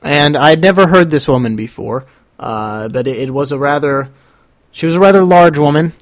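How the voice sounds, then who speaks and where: A man's voice: on the high side, moderate pace. A young man telling a story in casual chat, rambling and often breaking off mid-sentence. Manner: rambling, self-interrupting storyteller.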